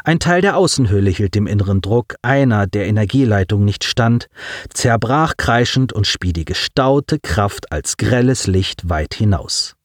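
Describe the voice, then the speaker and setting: A man's voice: fairly low pitch, animated, normal speed, no echo, clean studio sound. A man reading a science-fiction audiobook with dramatic narration.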